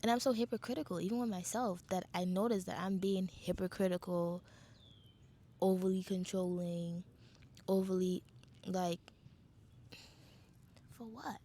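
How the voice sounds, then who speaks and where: A woman's voice: fairly low pitch, fairly even intonation, measured pace, pauses often, mellow. A young woman from the Caribbean, talking candidly in a casual reflective monologue and swearing freely. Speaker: vlogger.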